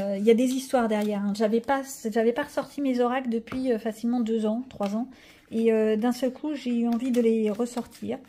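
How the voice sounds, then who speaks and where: Middle-aged lady rambling through her haul vlog, lots of euhs, soft warm tone. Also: on the high side. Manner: chatty, rambling, with many fillers and restarts. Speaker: coloring channel vlogger. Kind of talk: casual haul vlog chat.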